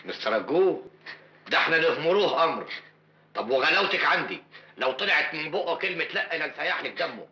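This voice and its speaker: Tough Egyptian neighbor man, firm, fast, bright edge, dull old soundtrack. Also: fairly high pitch, big pitch swings, heavily acted. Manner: reassuring, firm, threatening on others' behalf. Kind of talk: classic Egyptian film acting.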